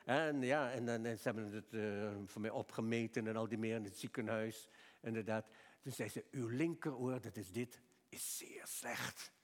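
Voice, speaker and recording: An older man preaching a sermon, telling a lively personal story and acting out both sides of his talk with a doctor. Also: fairly low pitch, normal speed, in a large hall.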